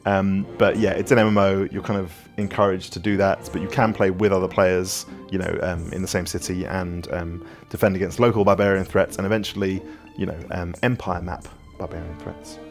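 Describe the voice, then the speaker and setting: A deep-voiced man talks through viewer questions about his game, filling gaps with ums and you-knows as he rambles. His low voice sits over a faint bed of background music. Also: fairly even intonation, brisk. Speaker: game developer answering questions. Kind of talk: casual Q&A chat.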